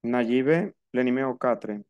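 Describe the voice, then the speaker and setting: A man's voice: medium pitch, takes it slowly, a little mellow, no room sound, muffled recording. A man teaching an online French class in Spanish. He patiently repeats the rules and spells them out for his students.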